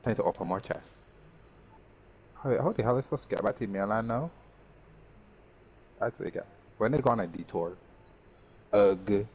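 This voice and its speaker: A gaming streamer offers casual gameplay commentary, talking to himself and to the game's characters. His voice is on the low side, a little mellow with a breathy edge, at normal speed with frequent pauses. The audio is dull, from a band-limited mic with faint background noise.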